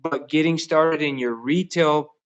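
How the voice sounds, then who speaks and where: Fairly high-voiced guy on a live show, eager, folksy, lots of ums. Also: unhurried, muffled recording. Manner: enthusiastic, folksy, many fillers. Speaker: guest. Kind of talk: casual live show chat.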